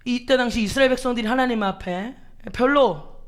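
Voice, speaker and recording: A woman's voice: on the high side, a little fast. A woman pastor preaching a sermon, emphatic, asking the congregation rhetorical questions and acting out quoted pleas with drama.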